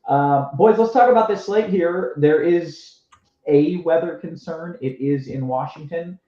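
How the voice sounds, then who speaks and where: A man hosting a casual live sports stream sounds muffled, echoey and underwater through his headset mic. He laughs easily and jokes around, his voice fairly high, mellow and a little slow.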